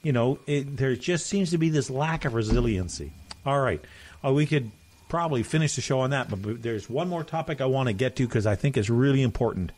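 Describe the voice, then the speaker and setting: A man's voice: mid-range voice, expressive, fairly quick, a little mellow. A man hosting a talk podcast, giving plain-spoken, folksy opinions in casual commentary. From Canada. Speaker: podcast host.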